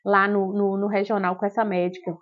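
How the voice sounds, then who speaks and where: A young woman with a Brazilian Portuguese accent, vlogging and telling a personal story in an animated, exclamatory way. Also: medium pitch, fairly quick. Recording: dull lo-fi sound.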